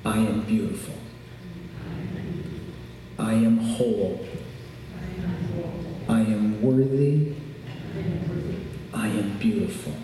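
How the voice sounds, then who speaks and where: A man preaching in a large sanctuary, calmly leading a grounding exercise in a measured, reflective way. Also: lowish voice, distant mic. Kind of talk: sermon with a calm, guided grounding exercise. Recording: very echoey large hall, faint noise.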